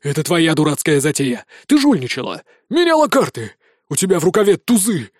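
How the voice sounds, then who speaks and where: A man reading an audiobook, voicing a drunk, desperate young man who shouts in frantic outbursts. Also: fairly high pitch, huge pitch swings, a little fast, no room sound, clean studio sound. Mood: accusing.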